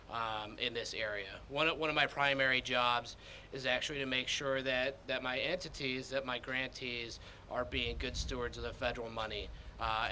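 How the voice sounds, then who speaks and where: A man working as a federal grant official speaks outdoors in a bright, forceful tone. His delivery is earnest and somewhat repetitive, and a faint hiss runs underneath. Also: mid-range voice. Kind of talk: public remarks.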